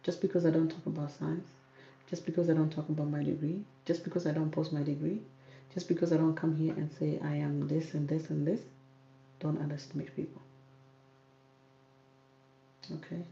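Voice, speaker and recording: A South Sudan-born woman raised in Kenya hosts a YouTube hair channel, doing a livestream Q&A from viewer comments. Her dark, gravelly voice sits low with little pitch movement, and her pace is brisk. She's firm and repeats herself for emphasis, and the recording sounds roomy and dull with faint noise.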